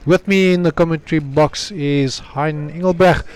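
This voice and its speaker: A South African man calls a live underwater hockey match, working through sponsor and player lists with a steady, halting read. His voice is smooth and clear, sitting a little above the usual male pitch. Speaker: sports commentator. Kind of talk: live sports commentary.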